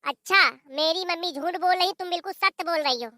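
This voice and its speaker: A fiery young married daughter in a village cartoon, voiced by a woman, scolding and confrontational. Her voice is high and sharp, and it sounds close and dry. She speaks with a Bundelkhandi Hindi accent. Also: fairly quick, dry recording.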